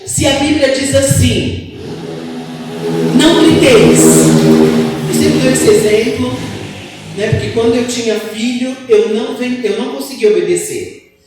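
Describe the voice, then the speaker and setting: Woman preacher, higher voice, animated call-and-response sermon, distant mic in a reverberant church. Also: normal speed, slight background noise. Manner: animated, asks the congregation for replies. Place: church hall. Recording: echoey hall, distant mic.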